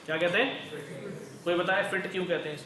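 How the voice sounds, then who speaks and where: A man's voice: high-pitched, fairly even intonation, fast talker, reverberant, noisy background. A male teacher leading a coding lecture in a casual, conversational way, asking questions and then answering them himself. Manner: conversational, calls listeners brother.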